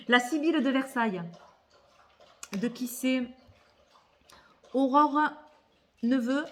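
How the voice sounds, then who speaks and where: A woman's voice: sits high, fairly even intonation, slow, long pauses, slight background noise. A woman vlogger chatting casually about tarot decks, thinking aloud and often repeating words as she hesitates. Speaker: tarot and oracle card vlogger. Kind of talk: casual haul chat.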